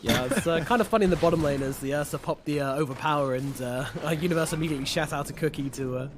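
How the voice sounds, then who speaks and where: A man casting an esports match, jokey and given to loud bursts of excitement. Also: on the high side, fast, noisy background. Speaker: esports caster. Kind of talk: play-by-play commentary.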